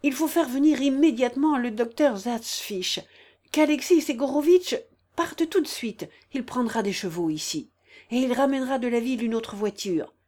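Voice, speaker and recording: A woman's voice: medium pitch, lively intonation, moderate pace, a little mellow, natural voice. A woman voicing an imperious aging noblewoman who scolds and gives orders in a raised, emphatic voice. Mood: urgent, commanding.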